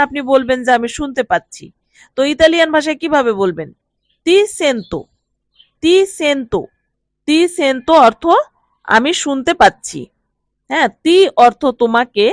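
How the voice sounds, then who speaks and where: A woman with a Bengali accent teaching a language lesson, saying each phrase slowly twice and then explaining its meaning. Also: high voice, dry recording.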